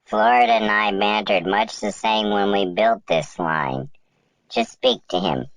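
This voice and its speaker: A man's voice: fairly low pitch, big pitch swings, unhurried, vocal fry, fairly bright tone, heavily acted. A man voicing a kindly, jovial male steam locomotive in an audio story, with genial, old-fashioned phrasing. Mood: reassuring.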